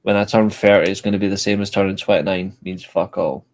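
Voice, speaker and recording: A man's voice: deep voice, fairly even intonation, fast talker. A man, chatting casually on a podcast in a blunt, joking way and swearing freely. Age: 20s. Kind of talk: casual chat.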